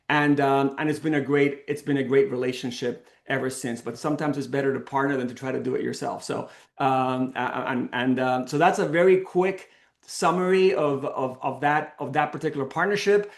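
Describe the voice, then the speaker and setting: A man's voice: medium pitch, fairly even intonation, a little fast, reverberant. A middle-aged man from the Canary Islands, a company founder telling his story in a casual presentation, with many restarts and fillers. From Canary Islands, Spain. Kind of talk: casual presentation on a video call.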